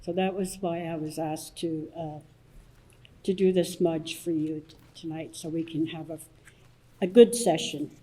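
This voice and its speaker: An older woman elder from southern Alberta explaining a smudge ceremony at a public assembly, soft-spoken with many pauses and restarts. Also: deep voice, steady tone, low-quality recording. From Blood Tribe, southern Alberta, Canada.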